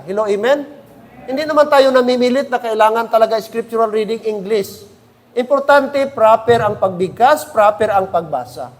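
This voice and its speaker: A man preaching a sermon in church, often asking the congregation "Amen?". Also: very high voice. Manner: preaching with frequent calls for "Amen?". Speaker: pastor.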